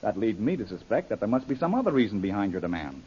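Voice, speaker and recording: An actor playing a skeptical, wry jungle adventurer in an old-time radio serial, speaking bluntly in folksy slang. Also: male voice, lowish voice, sing-song, quick pace, warm tone, a little hiss or hum. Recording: dull, lo-fi old radio recording.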